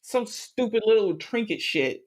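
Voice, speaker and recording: A man's voice: high-pitched, a little slow. A man co-hosting a podcast, telling a story in casual chat with lots of swearing and laughter. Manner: animated, profane, laughs through his stories. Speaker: podcast co-host.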